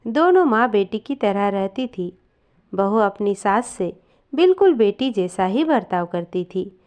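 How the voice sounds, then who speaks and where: A woman storyteller reading a family tale in a measured, expressive way. Her voice is fairly high and lively in pitch, and she takes her time. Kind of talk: scripted story narration.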